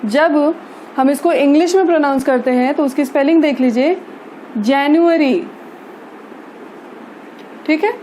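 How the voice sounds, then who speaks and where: A woman gives a spoken English lesson in Hindi, teaching vocabulary slowly and patiently, repeating each word, spelling it letter by letter, and saying "theek hai" again and again. Her high voice is steady and dark, with slight background noise.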